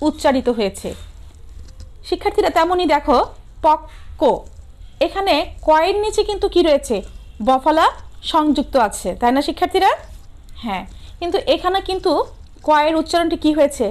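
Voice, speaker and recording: High-voiced Bangladeshi woman teaching grammar. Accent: Bangladeshi Bengali. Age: middle-aged. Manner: asks questions and answers them herself; sounds out words slowly and carefully. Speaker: school teacher. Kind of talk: classroom grammar lesson.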